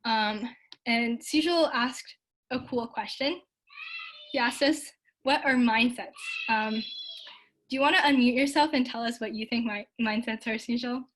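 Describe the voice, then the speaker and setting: With a fairly high, slightly bright voice and lively intonation, a young woman from Canada talks at a measured pace in a casual online session where she answers audience questions. She comes across as upbeat and earnest, using frequent likes and ums.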